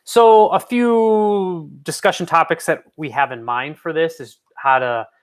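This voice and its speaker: A man's voice: a little high, a little slow, smooth. A man presenting a developer proposal on a video call, his audio choppy and cutting out, explaining in long lists with restarts. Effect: choppy call audio that keeps cutting out.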